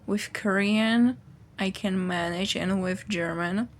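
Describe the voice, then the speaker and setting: A Polish student vlogger in her early 20s, whose first language is Polish, chats casually in a rambling, informal way. Her voice is medium-pitched and she takes it slowly.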